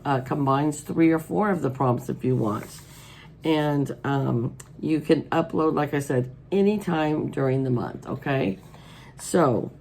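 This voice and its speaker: A middle-aged American woman hosts a casual vlog in a hoarse, stuffed-up voice. There is a strong gravelly creak in her speech. A faint noise sits behind her as she talks indoors at a table. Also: sits low, a little mellow, low-quality recording. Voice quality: froggy, hoarse. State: congested with allergies. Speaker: host of a colouring channel.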